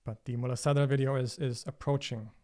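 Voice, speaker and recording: This host from Sweden, a first-language Swedish speaker, fields viewer questions in a casual livestream Q&A, thinking them through amid frequent fillers and restarts. His voice is medium in pitch and darkish, with fairly even intonation and a brisk pace.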